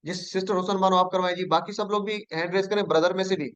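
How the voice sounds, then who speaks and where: A man's voice: high voice, steady tone, fast, fairly bright tone, smooth, dry recording. A man teaching an online class, leading call-and-response drills and patiently inviting students to answer.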